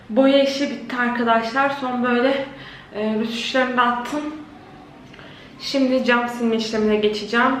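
Casting note: young woman, home vlogger, tired but chatty, voice bouncing around a bare unfurnished room, slightly high pitch. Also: a bit bright, recorded from a distance. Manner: chatty, talking straight to her viewers. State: worn out from a long day of work. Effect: echo of a bare, empty room with no furniture. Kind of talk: casual chatty vlog while renovating. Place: indoors, a small freshly painted empty room at home. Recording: echoey empty room with faint ambient noise.

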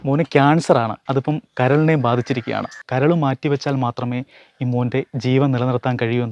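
A man reports an earnest charity appeal at an ordinary middle pitch. He talks plainly and sincerely, pausing and restarting now and then as he searches for words. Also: steady tone, a little mellow, dull audio. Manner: earnest, with small hesitations. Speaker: news reporter.

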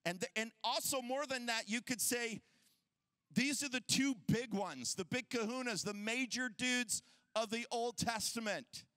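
A male pastor preaching a sermon at a conference, energetic and casual, joking and using slang. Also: very high-pitched, measured pace, dry recording. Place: conference stage before a crowd.

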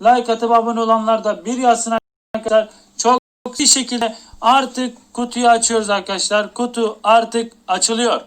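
This male game streamer talks with a strikingly high, smooth voice that barely moves in pitch. He loops the same short lines over and over with a hyped countdown energy. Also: little pitch movement, normal speed, a bit bright. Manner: repetitive, hyped countdown talk. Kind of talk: live game-stream chatter.

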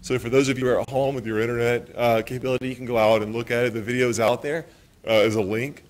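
A man's voice: medium pitch, fairly even intonation, fast talker. A man moderating a town hall meeting, introducing speakers with frequent hesitations, on a handheld mic in a meeting room. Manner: hesitant with many filler sounds. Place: meeting room with projector screen.

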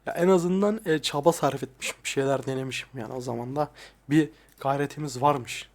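Soft-spoken swearing young man. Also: brisk. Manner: crude, frequent swearing; soft-spoken, dropping voice low at times. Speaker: ASMR YouTuber. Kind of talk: casual soft-spoken vlog. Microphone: lapel mic.

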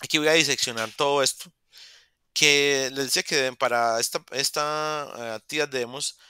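A man teaches English over a video call, patient and methodical, stopping to repeat words slowly. His voice is bright and crisp. The sound is dry and close. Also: medium pitch, fairly even intonation, no echo. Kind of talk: virtual class explanation.

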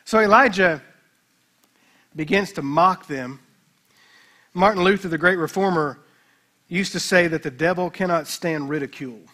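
A man pastor preaching a sermon at a church service, telling a scripture story with lively humor and playful asides to the congregation. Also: high voice, normal speed, pauses often.

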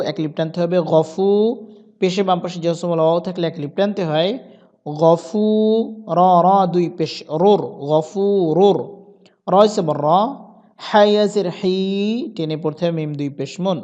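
High-voiced Bangladeshi man teaching recitation. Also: mellow. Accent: Bangladeshi Bengali. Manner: spells letter by letter, then chants verses slowly. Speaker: Quran reading teacher. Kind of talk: spelled-out Quran recitation lesson.

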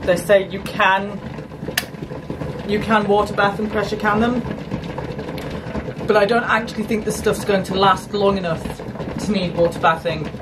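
A woman in her thirties talks through her kitchen work in a relaxed, chatty way, explaining each step as she goes. Her voice sits at an ordinary middle pitch, picked up by a camera mic on the counter with clear kitchen noise behind her. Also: moderate pace, long pauses. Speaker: homestead vlogger. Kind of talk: casual kitchen chat. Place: small home kitchen, indoors. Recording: noisy kitchen camera audio.

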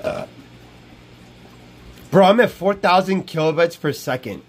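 This thirties-aged man speaks a little slowly, his voice husky and a touch high, as he rambles on a live stream from a small room. Brash and foul-mouthed, he keeps repeating himself into a wired earbud headset mic.

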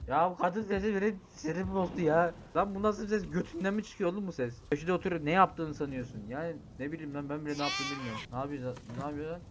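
Rapid-fire foul-mouthed gamer guy. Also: fairly high pitch, noisy background. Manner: crude, swears constantly, bursts into yelling; rambling, mocks the game aloud. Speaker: gaming YouTuber. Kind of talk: gameplay commentary.

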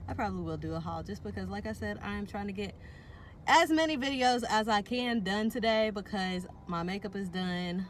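Chatting in her car for a driving vlog, a young woman speaks at normal speed with a medium pitch over clear background music and a little hiss or hum. She's slightly breathless, rambling in a slangy, self-deprecating manner.

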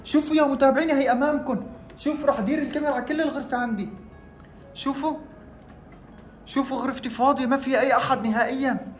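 A man narrating a horror prank vlog at home, excitable and acting scared as he talks to his viewers. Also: very high-pitched, rapid-fire, pauses often, reverberant, soft background music. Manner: excitable, feigning fear, addresses viewers. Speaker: vlogger. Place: room at home.

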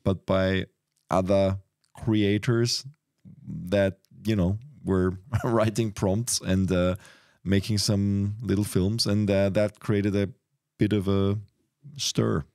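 A man hosting a casual podcast, talking with a cold in a relaxed, rambling way. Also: fairly low pitch, slow pace, vocal fry, dry recording, studio quality. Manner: relaxed, rambling, restarts often. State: has a cold. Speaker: podcast host.

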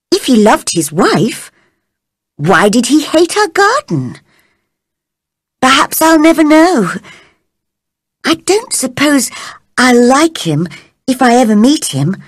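A woman's voice: high-pitched, no room sound, clean studio sound, pitched above the performer's own voice, full character voice. A woman voicing a lonely, sulky young girl who wonders aloud in a storybook reading. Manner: wondering, questioning.

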